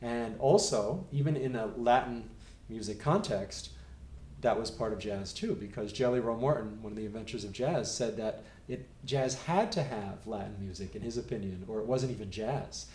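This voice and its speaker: A middle-aged man teaching a piano rhythm lesson, counting beats aloud in a calm, patient way. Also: lowish voice, moderate pace. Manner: calm, patient, counts steadily and talks the class through exercises. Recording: echoey room with faint noise.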